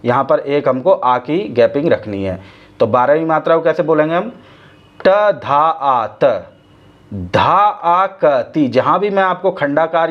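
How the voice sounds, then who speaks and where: A man teaching tabla, calmly explaining the beats and slowly reciting the syllables one by one. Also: on the high side. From India. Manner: patient, explanatory, slow deliberate recitation of bols. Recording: slightly dull lo-fi recording.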